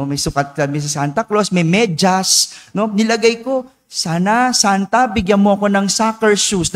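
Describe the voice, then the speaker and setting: A priest giving a homily, telling a personal story in a conversational way and often asking the congregation "no?". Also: male voice. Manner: conversational storytelling, frequent tag questions; lively shifts in pitch and pace.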